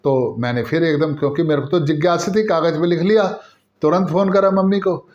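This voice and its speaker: A man's voice: fairly high pitch, a little fast, a little mellow, dull audio. A man who narrates a family story in the first person in a conversational way, with fillers and restarts.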